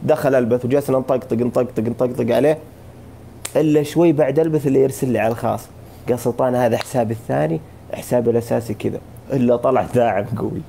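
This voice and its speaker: A man's voice: medium pitch, steady tone, rapid-fire, gravelly, mellow. A man in his thirties with a Gulf Arabic accent, chatting casually as a co-host on a group live stream. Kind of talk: casual chat. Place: indoor sitting room. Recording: faint background noise, live-stream call audio.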